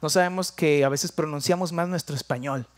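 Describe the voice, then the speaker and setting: Mexican man preaching conversationally. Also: fairly quick. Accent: Mexican, from Jalisco. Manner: conversational, playful, drops his voice low and quiet for asides. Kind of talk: sermon.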